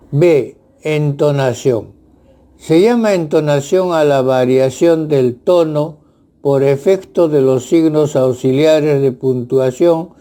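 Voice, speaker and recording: A man teaching a grammar lesson in a slow, measured reading voice. His tone is mellow and dark, though he sits a little higher in pitch than most men. He walks through definitions and examples one by one. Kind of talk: scripted lesson narration.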